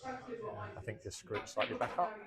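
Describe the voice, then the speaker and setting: A man's voice: sits high, big pitch swings, normal speed. A man co-commentating on a pool match with dry, teasing quips. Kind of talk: casual live commentary. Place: pub during a pool match. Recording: noisy pub crowd behind. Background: pub crowd chatter.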